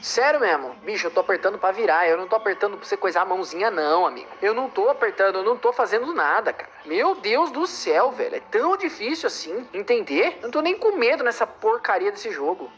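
A man's voice: high-pitched, big pitch swings, quick pace, hardly any pauses, a bit bright, highs cut off. A man doing comedic gameplay commentary, ranting and mocking the ads that keep interrupting him. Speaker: game streamer.

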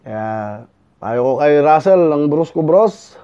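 A man giving a lively reaction commentary on a boxing video, shouting punch sound effects between remarks. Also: fairly high pitch, slow, dull audio. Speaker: YouTuber reacting to a fight video.

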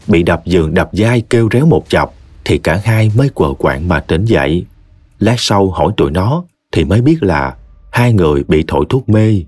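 A man with a Southern Vietnamese accent narrating a story in an expressive, folksy way. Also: low-pitched, normal speed, breathy edge, no room sound.

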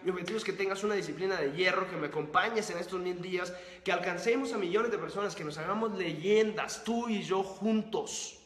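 A man with a high voice delivers an emphatic motivational talk to his audience, stacking rhetorical questions and repeated phrases. His voice carries a roomy echo with a long reverb tail. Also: fairly quick, a bit bright. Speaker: host of a book-summary channel. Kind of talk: motivational monologue to camera.

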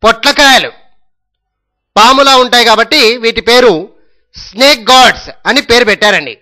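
High, bright, slow Telugu teacher. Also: male voice. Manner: spells words letter by letter, repeating each word. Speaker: spoken English teacher. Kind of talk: slow spelling lesson in Telugu.

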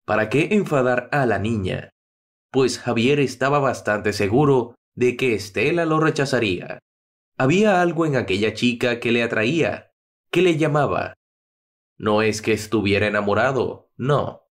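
A man narrating a dramatic story in a steady, scripted reading. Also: mid-range voice.

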